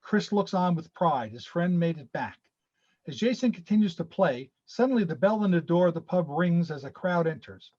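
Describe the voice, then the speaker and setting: A man reading screenplay stage directions over a video call in a steady, matter-of-fact way. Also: on the high side, normal speed, dull audio.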